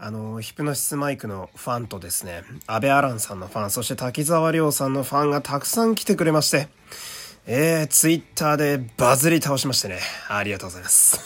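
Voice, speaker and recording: A man hosting his own radio talk show, with a voice that swings freely up and down in pitch. He chats casually and pokes fun at himself, slipping into a put-on Kansai dialect while reading listener letters aloud. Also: fairly bright tone. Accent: put-on Kansai dialect mixed with standard Japanese. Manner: chatty, self-deprecating, laughs often, reads listener letters aloud.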